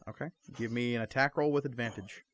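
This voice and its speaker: A man narrating a tabletop game as game master, with measured, descriptive delivery. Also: medium pitch, fairly bright tone, a little hiss or hum.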